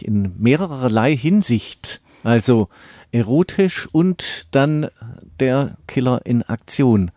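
A male interviewer with a mellow, darker tone asks probing follow-up questions. His voice sits at a middle pitch. The recording is dry and close. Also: dry recording.

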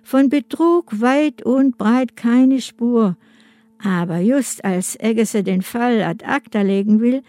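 A woman reads a crime story in calm, measured scripted narration. Her delivery is very slow and her tone is mellow. The close studio sound is dry. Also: fairly high pitch, no room sound. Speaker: audiobook narrator.

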